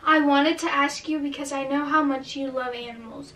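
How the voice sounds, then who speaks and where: Very high-voiced young woman, casual. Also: steady tone, moderate pace, fairly bright tone, slight background noise. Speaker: vlogger's companion. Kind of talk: casual chat and reading aloud. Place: small bedroom, indoors, sitting on a bed. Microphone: camera a few feet away. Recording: distant mic in a room, music behind.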